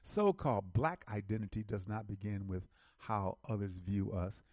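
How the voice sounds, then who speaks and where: A man's voice: lowish voice, normal speed, darkish tone, dry recording, studio quality. A middle-aged man from the United States hosting an online show, giving casual commentary while reading an article, emphatic and repeating phrases as he builds lists.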